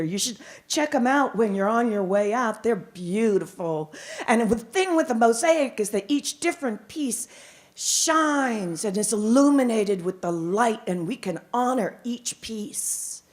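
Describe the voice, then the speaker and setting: Woman, middle-aged, live storyteller. Medium pitch, theatrical delivery, measured repetition for emphasis. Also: a little mellow. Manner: dramatic, deliberate phrasing with repetition. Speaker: professional storyteller. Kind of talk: live storytelling performance to an audience.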